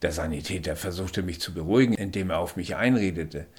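A man reading a first-person story aloud in a measured, introspective way. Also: low-pitched, darkish tone. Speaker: narrator. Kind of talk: first-person audiobook narration.

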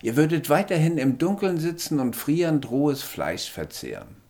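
A man's voice: fairly high pitch, very animated, normal speed, darkish tone, voice pushed up. A man voicing a small male alien in an audiobook, speaking in a terse, factual, lecturing way. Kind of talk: audiobook character voice.

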